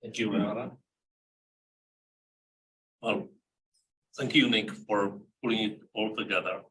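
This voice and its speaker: A visiting scholar from the Czech Republic addressing an event, halting and repeating words. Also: male voice, fairly low pitch, fairly even intonation, fairly bright tone. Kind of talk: event presentation speech. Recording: distant mic with faint room noise.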